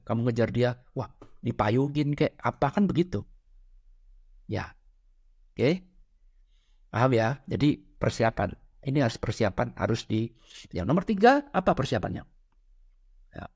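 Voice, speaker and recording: A man's voice: breathy edge, dry recording. A man giving a casual motivational lecture, talking straight to his listeners and often checking that they follow. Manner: chatty, keeps checking with listeners ("betul ya?", "oke?"); animated, jumps up in pitch to stress points. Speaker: spiritual lecturer.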